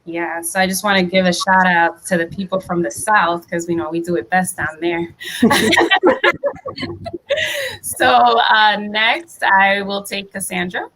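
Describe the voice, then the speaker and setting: A woman's voice: lowish voice, fairly even intonation, measured pace, fairly bright tone, slight background noise, low-quality recording. A woman who is a city clerk moderating an online panel of candidates, speaking in an encouraging way with fillers.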